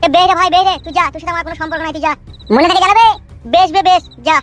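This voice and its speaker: A man with a very high, steady, fairly bright voice races through his lines as a hot-headed, foul-mouthed young village man in a comic cartoon. He speaks in slangy rural West Bengal dialect, bickering brashly and sounding indignant and hurt.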